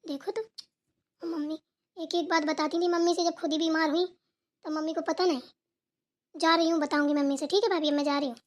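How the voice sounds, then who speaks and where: A woman's voice: extremely high pitch, steady tone, brisk, long pauses. Woman voicing a kind young village girl. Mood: reassuring. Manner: soothing, polite. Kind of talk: cartoon voice acting.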